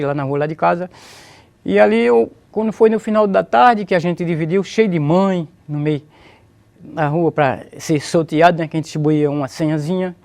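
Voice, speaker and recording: A man's voice: a little high, creaky, darkish tone. A Brazilian man telling his story of religious conversion, repeating phrases and praising God as he talks. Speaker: interviewee giving a testimony. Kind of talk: emotional religious testimony.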